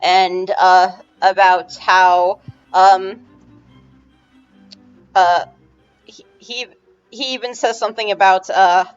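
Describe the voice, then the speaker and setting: A woman's voice: mid-range voice, steady tone, slow pace, pauses often, clear, resonant tone. A woman narrating a tabletop game as game master, rambling with many restarts and fillers. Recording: dull lo-fi with faint music.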